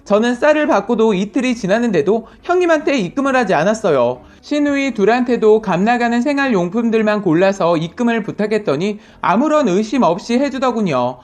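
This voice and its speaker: A woman calmly narrating a first-person story as a story reader. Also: a little high. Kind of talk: story reading for sleep. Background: faint music.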